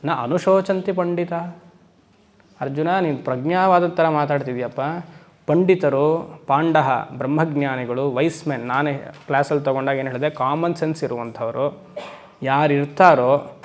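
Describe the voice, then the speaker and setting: Swami giving a vedanta class, kinda high voice, keeps asking the room stuff. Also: male voice. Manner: questioning listeners, mixing English phrases, slow emphatic English lines. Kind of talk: spiritual lecture to a class. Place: lecture hall.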